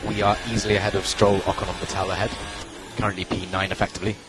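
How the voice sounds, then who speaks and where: A man working as a race engineer on team radio, giving calm, clipped spotter-style instructions and repeating key calls. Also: sits low, rapid-fire. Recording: radio transmission with loud music behind.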